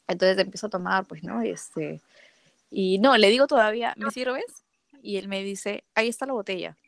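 A woman's voice: mid-range voice, normal speed, vocal fry, dry recording. A young woman casually telling a personal story, acting out the dialogue with lots of fillers. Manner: lively, acts out quoted dialogue, frequent fillers.

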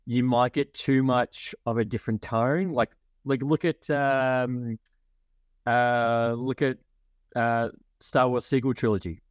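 A man talks casually on a podcast at a middle pitch. He acts out quotes in a higher voice. The recording is dry and close. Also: fairly even intonation, slow, no room sound. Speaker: podcast co-host.

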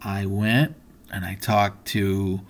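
A man's voice: on the low side, flat delivery, takes it slowly. A man hosting a podcast, telling a personal story in an earnest, motivational way, with many fillers and restarts. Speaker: podcast host.

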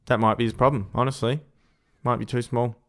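A man's voice: medium pitch, little pitch movement, a little fast, fairly bright tone. A man with an Australian accent in a casual sports chat, giving blunt, slangy opinions. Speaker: podcast co-host giving opinions.

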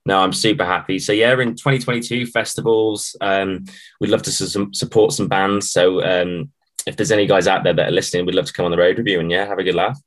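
A man with a British accent, chatting casually as an interview guest in a halting, matey way. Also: low voice, fairly even intonation. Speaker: band musician, interview guest. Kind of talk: casual chat.

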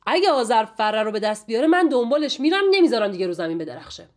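A woman's voice: sits high, expressive. A woman voicing Zahhak, a cruel and grasping tyrant king, in a declaiming tone. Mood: commanding.

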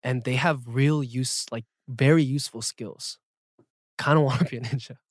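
A young man hosting a podcast in a playful, lively way, reading listener questions and chatting casually. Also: mid-range voice, moderate pace, dry recording, studio quality. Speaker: podcast host.

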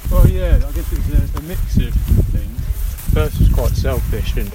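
A man's voice: mid-range voice, lively intonation, moderate pace. A man in his twenties from England chatting on a hike, laid-back with brief replies. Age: 20s. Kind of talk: casual chat while hiking. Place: hillside outdoors at dawn. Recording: distant mic, loud wind noise.

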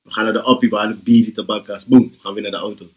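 A young man, telling an animated, slang-heavy story on a casual podcast and often laughing. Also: lowish voice, racing. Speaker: podcast host.

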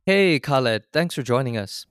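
A man's voice: mid-range voice, expressive, normal speed, music in the background. A man co-hosting a student podcast, asking polished, semi-scripted interview questions. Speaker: podcast co-host.

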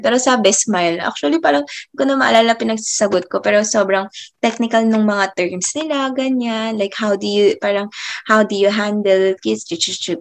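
A young woman in her twenties, a teacher, telling a personal faith story in a casual, chatty way. She laughs often and lets many phrases trail off softly. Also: a little high. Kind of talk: casual faith testimony vlog.

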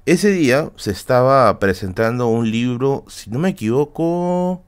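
Lively Peruvian man telling a story. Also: mid-range voice, unhurried, clear, resonant tone. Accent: Peruvian Spanish. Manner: slangy and rambling, with many fillers and check-ins to the audience. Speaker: streamer telling anecdotes. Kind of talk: casual storytelling on a live stream.

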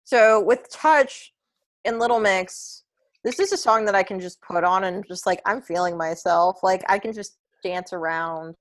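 This podcast co-host is a young woman whose voice sits low. She chats about pop music in an unhurried, rambling way, full of fillers and false starts.

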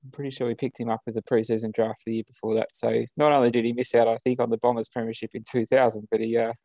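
A man's voice: mid-range voice, level tone, fast, warm tone, dry recording. An Australian man co-hosting a podcast over a video call, chatting casually with lots of ums and uhs. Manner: easygoing, many ums and uhs, chuckles. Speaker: podcast co-host. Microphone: video call setup.

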